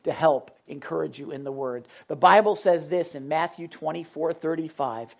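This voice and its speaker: A preacher giving a sermon to a live gathering. The delivery is loud and excitable, swinging from near-shouts to quiet, earnest passages. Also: mid-range voice, normal speed, vocal fry. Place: indoor gathering with a live audience.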